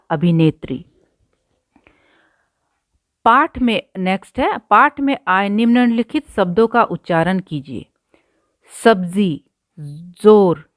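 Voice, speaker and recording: A woman's voice: mid-range voice, no echo, clean studio sound. A woman teaching a textbook lesson, going word by word and repeating terms patiently for her pupils. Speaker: Hindi teacher.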